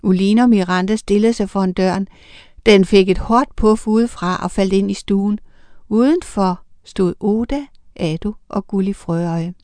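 A woman narrating a children's storybook in a lively, expressive reading voice. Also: mid-range voice, dry recording.

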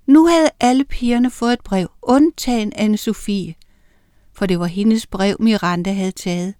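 A woman narrating a children's audiobook, reading with lively character voices. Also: medium pitch, clean tone, no echo, clean studio sound.

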